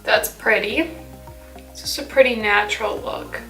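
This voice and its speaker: A woman's voice: medium pitch, a little slow, vocal fry, a bit bright. A teenage girl chatting casually through a makeup routine as a beauty vlogger, saying "like" often and trailing off mid-thought. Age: teens. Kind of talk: casual makeup tutorial chat. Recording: echoey room with faint music.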